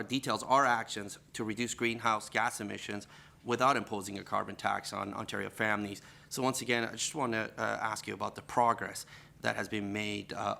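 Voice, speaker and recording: A male legislator questions officials at a committee hearing. His voice is lowish with a bright, edgy tone and a gravelly grain. He keeps one steady tone and fills gaps with halting restarts. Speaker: member of provincial parliament questioning witnesses.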